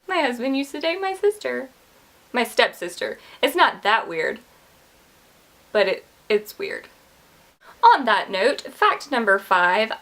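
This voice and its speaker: A woman in her late twenties chats straight to camera as a book vlogger, her voice sitting a little high for a woman. She is candid and self-deprecating, laughing at her own awkward stories. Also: fairly bright tone. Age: 20s. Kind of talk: casual talk to camera.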